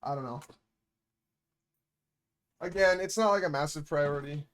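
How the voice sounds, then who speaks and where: A man's voice: fairly high pitch, moderate pace, a bit bright, no echo. A man chatting casually on his stream at home into a music microphone, rambling and trailing off mid-thought. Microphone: studio music microphone.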